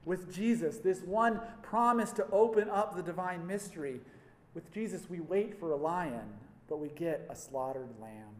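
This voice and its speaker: A man delivers a sermon in a fairly high voice, telling stories and slipping in wry asides. His words ring out with the long reverb of a large hall. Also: moderate pace. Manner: storytelling, wry asides, varied emphasis. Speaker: preacher. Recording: echoey hall.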